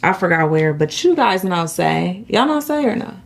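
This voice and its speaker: A woman guest in a casual chat who speaks slowly and hesitantly, pausing to think aloud. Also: fairly low pitch, big pitch swings, vocal fry.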